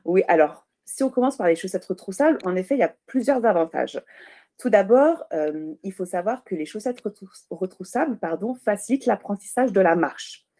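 She has a warm, expressive, mid-range voice and comes from a Portuguese family. Interviewed on a podcast as a baby clothing brand founder, she explains her product step by step in an earnest manner, pausing frequently and correcting herself along the way.

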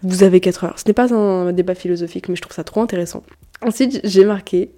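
Chatty young woman, mellow voice. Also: lowish voice, fast talker. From France. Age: about 19. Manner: chatty, rambling, frequent self-corrections. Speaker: podcast host. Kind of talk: casual solo podcast chat.

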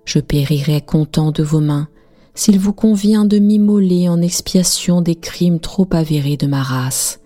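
A woman voicing a humble, flattering old male wolf in a bedtime story, servile and sobbing. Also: on the low side.

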